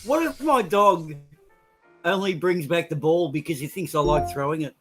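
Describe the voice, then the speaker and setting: A man at a casual card game, his voice pitched a little high. He trades dry, teasing jokes with the table, while faint music runs in the background. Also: moderate pace, a bit bright. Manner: dry, teasing joke-teller. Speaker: poker game regular.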